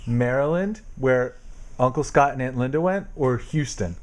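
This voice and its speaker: A man's voice: mid-range voice, normal speed. A man casually quizzing his young daughter at home, asking questions patiently and teasing her. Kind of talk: casual home video chat.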